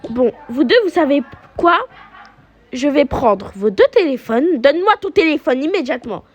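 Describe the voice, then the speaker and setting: Bossy mother figure in a game role-play voiced by a woman, high and animated. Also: normal speed. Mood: scolding. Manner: bossy, threatening to take phones. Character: strict scolding mother of two girls.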